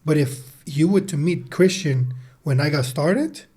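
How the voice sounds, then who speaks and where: Speaking unhurriedly, a man in his thirties answers interview questions on a podcast in a mellow, somewhat high voice with a breathy edge. A sales team leader and entrepreneur, he's conversational and emphatic, repeating words for stress.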